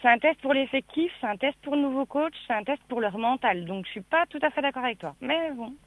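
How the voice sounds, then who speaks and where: A woman's voice: sits high, animated, quick pace, no echo, low-quality recording. A woman from France on a live radio sports panel, outspoken and teasing, with firm opinions.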